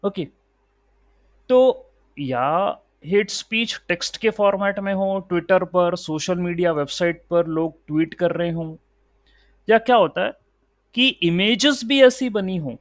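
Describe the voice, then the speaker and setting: A man's voice: high voice, slow, no echo. A man teaching a recorded coding tutorial, explaining step by step and checking in often with a short "okay" or "right". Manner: explains step by step, mixing Hindi and English. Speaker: instructor.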